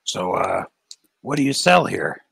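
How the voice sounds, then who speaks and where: A man's voice: low voice, sing-song, measured pace, gravelly, fairly bright tone, husky, no echo. A man playing a tabletop role-playing game, chatting in a rambling way full of "you know" fillers. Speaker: player. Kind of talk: casual tabletop game play.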